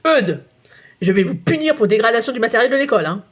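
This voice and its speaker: A woman's voice: fairly high pitch, expressive, fast. A woman voicing a stern, easily flustered male school supervisor. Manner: stern, strained authority.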